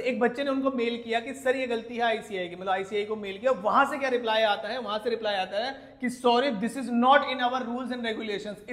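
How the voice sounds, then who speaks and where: Speaking in an extremely high, slightly bright voice, this Indian teacher scolds his video audience with indignation, leaning on emphasis and rhetorical questions. It was recorded in a room with noticeable echo.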